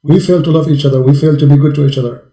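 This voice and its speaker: A man's voice: fairly high pitch, fairly even intonation, racing, dark tone, reverberant, low-quality recording. A man preaching to a caller with great passion. He fires off repeated rhetorical questions and speaks English with non-native grammar.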